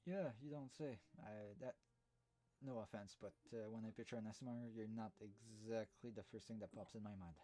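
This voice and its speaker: A man's voice: fairly low pitch, fairly quick, mellow. A man playing a tabletop game, making dry, teasing remarks. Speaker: player. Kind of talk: tabletop role-play chat.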